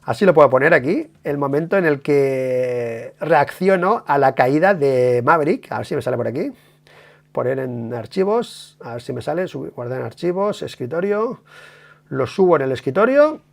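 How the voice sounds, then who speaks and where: A man with a Spain Spanish accent, giving a casual, emphatic live stream analysis of a motorcycle race, swearing and tagging his points with quick questions. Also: medium pitch, creaky. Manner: animated, emphatic, swears, many tag questions.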